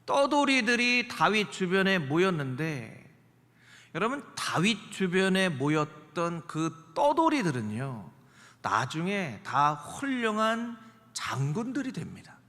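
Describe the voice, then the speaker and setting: A male pastor preaching a sermon in an animated way, dropping his voice to act out the characters in the story. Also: takes it slowly. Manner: animated, acts out dialogue in lowered voice. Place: church sanctuary. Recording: reverberant church sanctuary.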